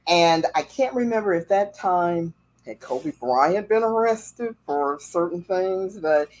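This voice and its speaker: Speaking slowly in a slightly mellow voice on the low side, a woman hosts a livestream with lively intonation. Her casual chat drifts into rambling stories. The livestream-setup recording is low quality, with slight background noise.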